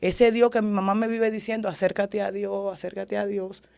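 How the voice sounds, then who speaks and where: Her mid-range voice is gravelly and a little mellow, with little pitch movement and a normal speed. The speaker, a prophet and ordained minister from the Dominican Republic, has a Dominican Spanish accent. As a guest in an interview, she earnestly shares her life story as testimony.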